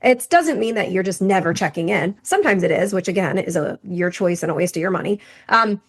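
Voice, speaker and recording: A woman co-hosting a health podcast, chiming in with lively, quick remarks. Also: medium pitch, slightly rough. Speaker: podcast co-host, health coach. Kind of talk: casual podcast chat.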